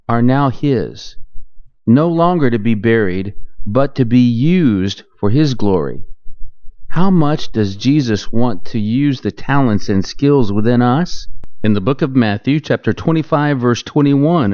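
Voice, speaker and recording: A male chaplain talks through a short devotional, dropping small jokes between scripture points before leading a prayer. His voice sits in a middle pitch. The recording is close and dry, with a slightly dull, lo-fi tone. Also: darkish tone, dry recording. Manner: light joking asides in a devotional talk.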